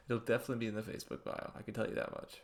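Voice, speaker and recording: A man's voice: fairly low pitch, completely flat delivery, fast. A man co-hosting a podcast in casual chat, teasing his friend and laughing often. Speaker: podcast co-host.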